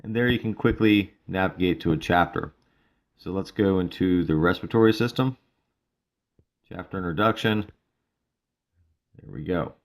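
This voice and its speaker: A male instructor giving a relaxed, casual walkthrough of a mobile study app, with frequent fillers. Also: low voice, normal speed, gravelly, pauses often. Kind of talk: screen-recorded app tutorial.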